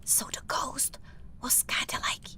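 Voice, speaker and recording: Whispering at a slightly slow pace, a young Czech-accented woman makes casual conversation during a game stream. She hesitates a lot, filling gaps and restarting her sentences.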